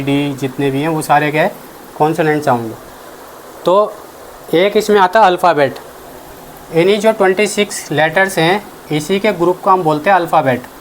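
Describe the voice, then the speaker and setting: A man's voice: on the high side, a little hiss or hum. A man giving an exam-prep grammar lesson as the teacher, explaining step by step and answering his own questions. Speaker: English teacher.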